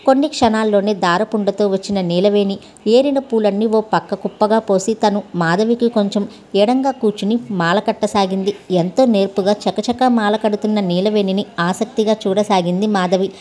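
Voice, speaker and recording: A woman narrating a scripted story in a calm, even storytelling manner. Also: medium pitch, normal speed.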